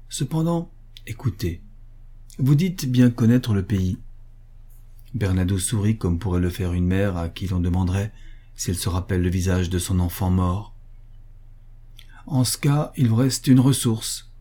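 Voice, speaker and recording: A stern Prussian cavalry officer, voiced by a man reading the story aloud, commanding and cold. The voice sits low and dark, with a husky edge. He gives orders and threats without raising much fuss. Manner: commanding, menacing.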